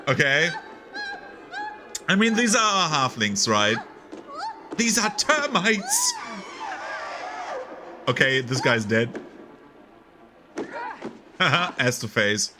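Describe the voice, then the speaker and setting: A man's voice: medium pitch, measured pace, over music. A man streaming casually, reacting to a film with lots of laughter and swearing. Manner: excitable, laughs often, swears a lot.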